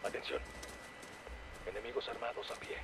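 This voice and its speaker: A man's voice: medium pitch, very animated, normal speed, very noisy, close to an everyday voice. An actor playing a male attack pilot using clipped military radio talk. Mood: terse.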